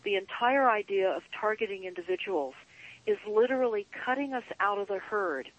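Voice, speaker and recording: A woman guest on a call-in show, speaking in an earnest, deliberate, emphatic way, like a paranoid late-night rant with drawn-out phrases. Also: medium pitch, lo-fi sound. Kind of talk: earnest conspiracy monologue.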